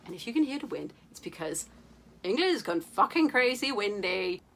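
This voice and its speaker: A young Danish woman, whose first language is Danish, chats playfully to the camera about books as a book vlogger, dropping lots of fillers and some casual swearing. Her medium-pitched voice is sing-song and fairly bright, delivered at normal speed with vocal fry.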